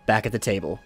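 A man narrating as game master in a relaxed, rambling way. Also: on the low side, breathy edge. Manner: relaxed, filler-laden.

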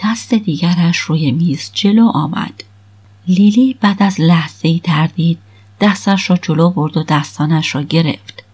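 A woman reading an audiobook in the first person, calm and steady. Her voice sits on the low side with a husky, breathy grain. The delivery stays even from line to line. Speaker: audiobook narrator.

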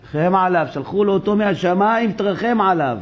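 A man's voice: high voice, lo-fi sound. A man, a rabbi, giving a sermon in a synagogue. He tells everyday stories and acts out the people in them. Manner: animated storytelling, acting out the people in his stories. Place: synagogue, recorded for a live broadcast.

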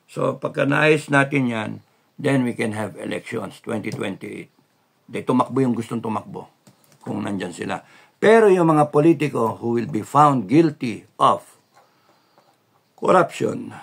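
Filipino-accented man, gravelly mid voice, impassioned vlog rant, slogan-driven. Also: medium pitch. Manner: fervent, mixes Tagalog and English, repeats slogans. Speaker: vlogger. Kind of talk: impassioned political monologue.

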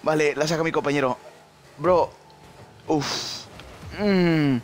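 A young man with a Mexican accent giving excitable, slangy live commentary on his own gameplay and shouting at big plays. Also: a little high, slow pace, slight background noise. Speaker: gaming YouTuber.

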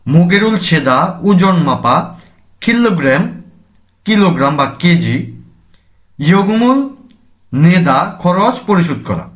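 Male language teacher, slightly high voice, methodical, poses questions then answers them. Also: a bit bright. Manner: explanatory, asks and answers his own questions. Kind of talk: classroom lesson explaining grammar.

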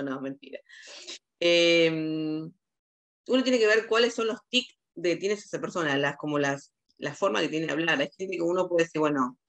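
Hesitant woman lecturing, gravelly voice. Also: low-pitched. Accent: Rioplatense Spanish. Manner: hesitant, many fillers and restarts. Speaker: psychologist lecturer. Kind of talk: lecture over video call. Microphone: video call.

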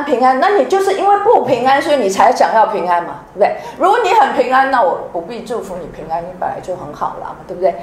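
Woman, Taiwanese Mandarin accent, middle-aged, lively preaching style, echoey hall, faint noise. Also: mid-range voice. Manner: lively, engaging audience with questions, laughs often. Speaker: pastor's wife. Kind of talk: sermon.

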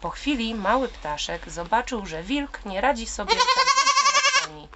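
A woman reading a story aloud to children in slow, expressive, sing-song storytelling. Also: on the high side. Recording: loud background noise. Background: goat bleating.

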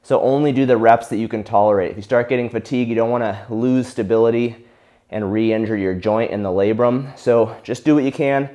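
A young man explaining shoulder exercises in a relaxed coaching tone while he demonstrates them. At times he is out of breath from the exercise. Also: mid-range voice, a little fast. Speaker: physical therapy instructor.

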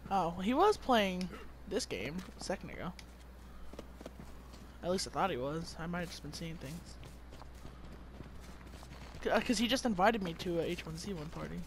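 A man's voice: high-pitched, expressive, moderate pace, pauses often, a little hiss or hum. A man chatting casually and joking while playing a game with a friend. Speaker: gamer. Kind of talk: casual gameplay chat.

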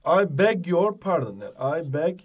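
A man teaching a jokey exam-prep lesson, with a Turkish accent, reading English phrases slowly. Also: a little high, big pitch swings, breathy edge, recorded from a distance.

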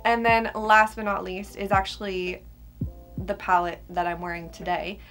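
A woman's voice: mid-range voice, little pitch movement, normal speed, a bit bright, soft background music. A young adult woman chatting casually to camera as a beauty vlogger, emphatic and casually sweary, with a whistling s. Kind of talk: casual chat to camera, product ranking. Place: small furnished room indoors.

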